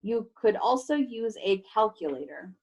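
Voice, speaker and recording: Over a video call for a remote class, a woman teacher reads a children's book aloud in an expressive, instructive way, with playful stresses and offhand remarks to the pupils. Her voice is husky and medium-pitched at a normal speed.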